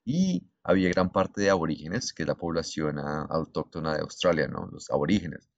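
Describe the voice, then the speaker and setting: A man's voice: rumbling low, expressive, moderate pace, dry recording, dull audio. A young adult man with a Colombian accent, telling a story in casual chat with crude slang.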